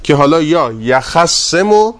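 A fairly high-voiced man teaching a grammar class, repeating word forms slowly and prompting his students to finish his sentences. He stays polite and patient as he goes through each step. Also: expressive. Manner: drawn-out repetition of word forms, quizzing students; polite and deferential to the class leader.

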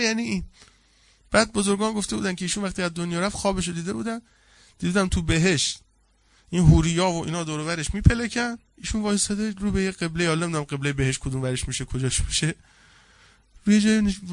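A man with a high, gravelly voice delivers a colloquial sermon as a seminary cleric, telling everyday stories. He swings between loud, animated telling and quiet, earnest asides. The sound is dry and close, with no room echo. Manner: storytelling, swinging from loud to hushed.

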